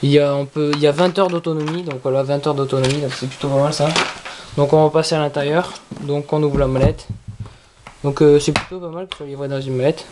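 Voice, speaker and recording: A product reviewer talking casually through an unboxing in a halting, repetitive way. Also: medium pitch, steady tone. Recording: clearly noisy with handling clicks.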